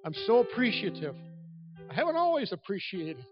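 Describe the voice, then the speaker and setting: A man's voice: sits high, sing-song, moderate pace, muffled recording, music in the background. A man preaching an earnest, personal sermon at a pulpit microphone in a church, building to emphatic stresses.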